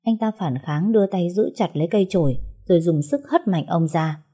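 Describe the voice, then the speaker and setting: Brief: female story narrator, steady reading, dark husky tone. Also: lowish voice, fairly quick. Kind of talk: scripted narration.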